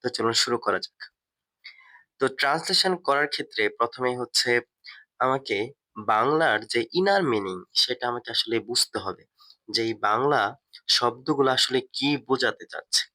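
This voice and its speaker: An English teacher, a man with a medium-pitched, bright and forceful voice, gives a step-by-step lesson at a moderate pace. He poses questions and answers them himself, with many fillers and restarts, and keeps repeating key words.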